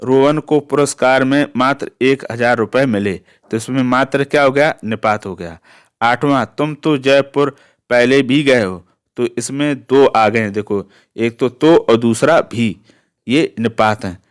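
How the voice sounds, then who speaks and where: Slow-talking Hindi grammar teacher, a man. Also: medium pitch, smooth. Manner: slow, repetitive explanation with rhetorical questions. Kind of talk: grammar lesson.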